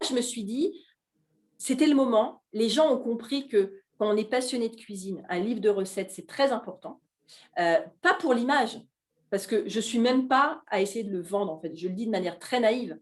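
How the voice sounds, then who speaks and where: A middle-aged woman from Alsace, a guest chef chatting animatedly at a live café talk, with frequent hesitations. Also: medium pitch. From Alsace, France. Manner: animated, hesitant with many fillers.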